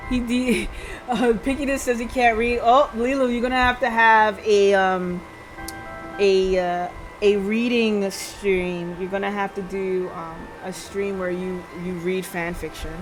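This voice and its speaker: Music plays in the background as a streamer reads a visual novel aloud, pausing for playful, chatty remarks to the chat. The voice is medium-pitched and steady, moving a little slowly.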